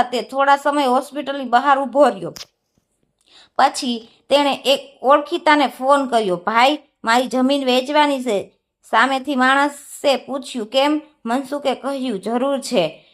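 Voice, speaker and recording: A woman reading an emotional village story aloud, gently voicing every part herself. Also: high-pitched. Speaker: narrator. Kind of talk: storybook narration.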